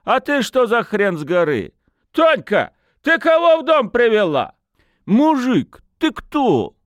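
A man's voice: a little high, huge pitch swings, slow, dry recording, studio quality, voice pushed up, exaggerated voice. A man voicing a drunk, rowdy young village accordion player who hollers brashly and slurs his words. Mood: indignant. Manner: loud, slurred, brash hollering.

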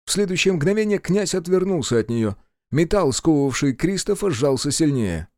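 A man narrating a fantasy audiobook in the first person with a dramatic, expressive reading. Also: on the high side, normal speed, no echo, clean studio sound.

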